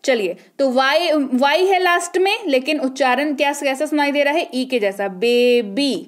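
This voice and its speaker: A woman with a high voice teaches an online English spelling lesson. She coaxes the viewer, asks them questions, and repeats words slowly.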